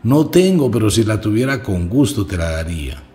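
A man's voice: fairly low pitch, sing-song, moderate pace, dark tone. A man voicing a humble, polite young male disciple in a told story. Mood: timid.

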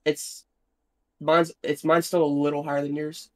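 A man's voice: a little high, little pitch movement, moderate pace, a little mellow. A man chatting casually, his voice echoing like an empty warehouse, from some distance off a USB desk mic. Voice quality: echoey, as if in a large empty room. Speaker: livestream co-host. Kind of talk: casual chat, mic testing. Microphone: USB desk microphone, spoken from a distance. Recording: roomy echo, far from mic.

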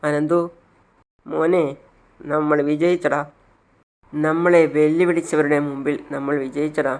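A man's voice: a little high, clean tone, close to an everyday voice. A man voicing a determined, long-suffering middle-aged mother, speaking earnestly and with emotion. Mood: proud.

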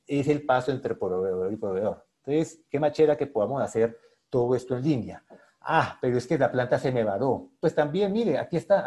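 A man's voice: mid-range voice, warm tone. A man with a Colombian accent giving an enthusiastic technical presentation online, speaking straight to his audience. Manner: enthusiastic, addresses audience directly. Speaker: lecturer.

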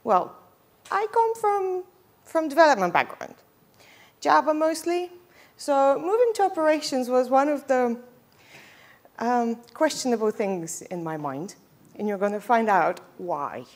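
A woman's voice: high voice, big pitch swings, measured pace, pauses often. Chatty woman giving a conference talk. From Bulgaria. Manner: chatty, frequent ums, self-deprecating asides. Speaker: conference speaker. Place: lecture hall with projector screen. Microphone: headset mic.

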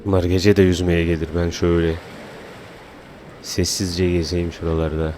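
A man giving casual gameplay commentary, calmly explaining menus and then playfully shouting at the game creatures. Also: low-pitched, normal speed, noisy background. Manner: playful, talks to the game creatures in bursts of excitement; laid-back walkthrough talk between outbursts. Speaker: gaming and tech YouTuber.

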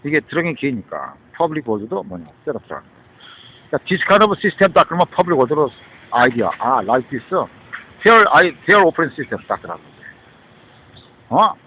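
A man's voice: a little high, very animated, moderate pace, pushed and bright, slightly rough, poor audio. A man talking in a rambling monologue, switching between Korean and English and often breaking off with a questioning "huh?". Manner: rambling, mixes Korean and English, keeps asking "어?".

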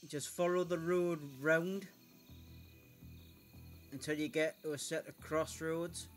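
A man's voice: on the high side, steady tone, slow, soft background music. Easygoing Geordie man gaming. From Newcastle, England. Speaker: co-op game player. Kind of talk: casual gaming chat.

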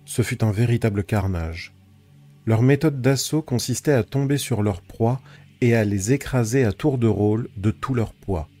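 A man reading an adventure novel aloud as an audiobook, with measured, dramatic storytelling. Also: mid-range voice. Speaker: audiobook reader. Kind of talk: scripted audiobook narration. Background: soft ambient music.

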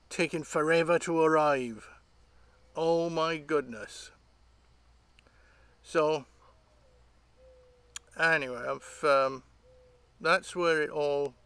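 This fairly high, fairly bright man's voice is recorded cleanly with no room sound. A middle-aged British host of an electronics hobby channel gives a casual, unscripted show-and-tell outdoors beside leafy trees, explaining things hesitantly and ramblingly.

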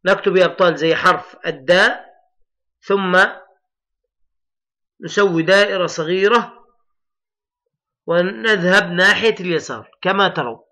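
Guy teacher w/ a high bright voice, stretching out letters slow for little kids. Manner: slow, drawn-out, emphatic letter sounding for children; addresses pupils as heroes, patient and encouraging. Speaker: primary school Arabic teacher. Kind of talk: recorded classroom lesson for young children.

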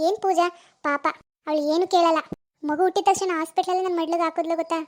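Cartoon: doting young mom, woman's voice, very high and quick, chatty and fussy. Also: steady tone. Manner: fussy, chatty, coos softly to the baby. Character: young adult woman, new adoptive mother, doting. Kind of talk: animated cartoon voice acting.

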